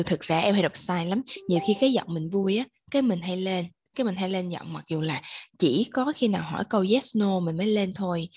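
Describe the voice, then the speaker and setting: Woman, English tutor, husky and gravelly, lowish voice, patient and encouraging. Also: darkish tone, dry recording. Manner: encouraging, explains step by step. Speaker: English teacher.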